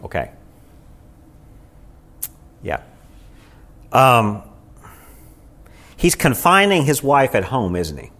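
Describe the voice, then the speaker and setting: A man's voice: medium pitch, wildly swooping pitch, drawn-out words, pauses often, fairly bright tone. A man, a pastor, teaching a small Bible study group in a church room, keeps asking the room questions. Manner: asks the room frequent rhetorical questions. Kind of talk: conversational sermon.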